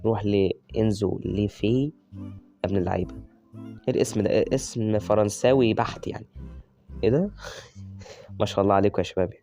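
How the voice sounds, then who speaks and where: Fast-talking Egyptian gamer. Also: male voice, on the low side, soft background music. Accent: Egyptian Arabic. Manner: excitable, chatty, cheers on players by nickname. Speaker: gaming YouTuber. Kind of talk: live gameplay commentary.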